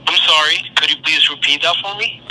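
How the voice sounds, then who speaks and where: A man's voice: on the high side, a little fast. Male survey caller on noisy phone line. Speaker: debt survey telemarketer. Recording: noisy telephone line with clicks.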